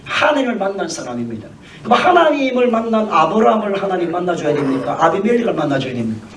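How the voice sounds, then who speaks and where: A man's voice: high voice, very animated, fast talker, fairly bright tone, distant mic. A male pastor preaching a dramatic sermon in a church sanctuary, often asking questions of the congregation. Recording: echoey church hall, mic from afar.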